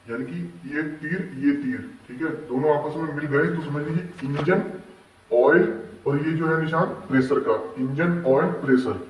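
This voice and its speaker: A man explaining warning symbols to learners in a patient, step-by-step way, often asking whether it is clear. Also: a little high, normal speed, echoey room, recorded from a distance, a little hiss or hum, poor audio. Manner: patient, checks understanding with repeated questions. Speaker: instructor explaining dashboard warning signs. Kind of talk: classroom-style explanation.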